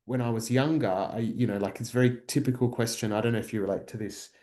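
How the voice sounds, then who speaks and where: A man's voice: mid-range voice, steady tone, fast talker, a little mellow. A man, a researcher, talking reflectively in a workshop, thoughtful and searching, with many fillers and restarts. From Australia.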